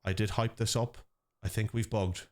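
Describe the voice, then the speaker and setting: A man's voice: fairly low pitch, normal speed. Joking Irish man casting esports live. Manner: lively, joking, chatty with the audience. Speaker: esports caster and organiser. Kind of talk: live stream commentary.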